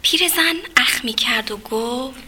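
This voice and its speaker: An expressive woman telling a children's fairy tale, her voice high and bright. She leans toward young listeners and speaks to them directly as she reads. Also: slightly rough. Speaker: storyteller. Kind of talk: children's storybook reading.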